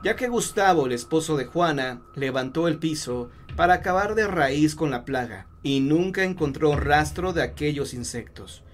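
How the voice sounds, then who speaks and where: A man from Mexico narrating scripted horror stories in a slow, measured way with dramatic pauses. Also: fairly high pitch.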